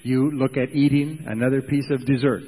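A man giving a motivational seminar talk, speaking emphatically in short, measured phrases for an interpreter. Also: medium pitch, fairly even intonation, warm tone, slightly rough, in a large hall, poor audio.

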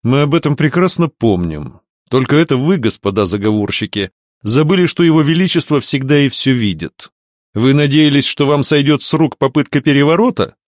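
Man playing a stern commanding dark duke. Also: medium pitch, lively intonation, no room sound, studio quality, pitched above the performer's own voice, natural voice. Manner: slow, clipped, curt. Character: stern male secret-police chief, cold and commanding. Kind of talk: audiobook reading.

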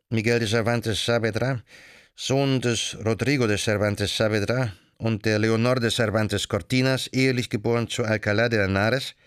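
A man's voice: lowish voice, clear, resonant tone, no room sound, clean studio sound, natural voice. A man reading an audiobook and voicing an irritable, petty-minded male church judge with coarse, common speech. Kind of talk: audiobook character voice.

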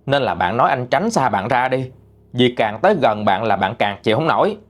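A man narrating a ghost story in a conversational, expressive way. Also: mid-range voice, a little fast.

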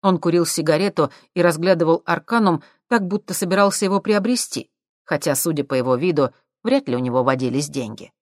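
A man narrating an audiobook in a steady, measured reading. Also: on the high side, dry recording, clean studio sound. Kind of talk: scripted narration.

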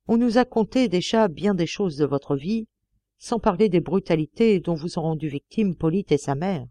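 A woman's voice: fairly low pitch, animated, moderate pace, dark tone, dry recording, lightly acted. A woman voicing a young male policeman in an audiobook, coaxing and insistent in his questions. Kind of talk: audiobook character reading.

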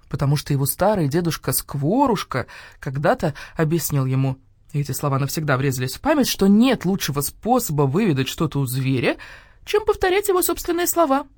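A woman's voice: sits low, a little mellow, no echo, clean studio sound. A woman narrating a children's audiobook in a playful, storytelling manner.

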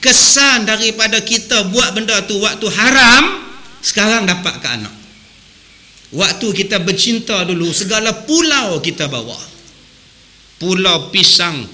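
A man preaching a humorous sermon, animated and acting out voices as he goes. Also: high voice. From Malaysia. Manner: animated, sings song snippets and acts out voices.

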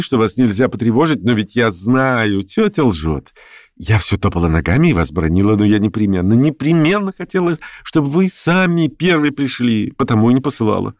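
A man reading an audiobook voices a lively, bold young woman calling out merrily from horseback. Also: mid-range voice, no room sound, clean studio sound, voice pushed up, natural voice.

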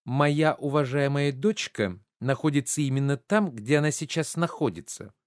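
A man reading a stage play aloud, voicing a middle-aged bourgeois wife who scolds her husband sharply, his voice pushed up high and loud. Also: big pitch swings, normal speed, no room sound, studio quality. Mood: indignant. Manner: sharp, mocking, indignant.

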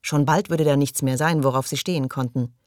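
A man narrating a science-fiction audiobook in a measured reading style, dropping quieter at tense moments. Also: mid-range voice, fairly even intonation, clean tone, dry recording, studio quality. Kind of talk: scripted narration.

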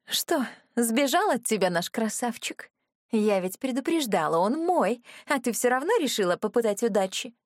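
A woman voicing a haughty, crazed young noblewoman villain who talks in a shrill, domineering, threatening way. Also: very animated, normal speed, no room sound, studio quality. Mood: mocking.

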